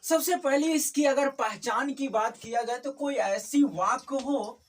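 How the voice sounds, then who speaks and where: A woman's voice: high-pitched, unhurried. A woman tutoring a class, repeating each term and checking often that students follow. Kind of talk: classroom teaching. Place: tuition classroom. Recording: distant mic with faint background noise.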